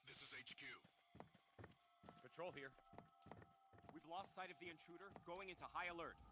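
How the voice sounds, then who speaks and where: Sex: man. Figure: an enemy soldier reporting to headquarters. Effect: crackly military field radio. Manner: clipped, formal radio calls. Pitch: fairly high. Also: normal speed. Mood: urgent. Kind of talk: video game dialogue. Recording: game audio under loud music.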